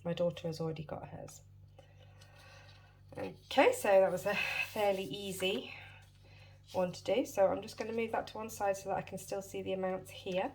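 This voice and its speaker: With a mid-range, slightly mellow voice, fairly even intonation, and a normal speed, a British woman from the UK talks through her casual budgeting vlog. A chest infection leaves her a bit wheezy and short of breath, and she is chatty, apologetic, and full of ums, with slight background noise present.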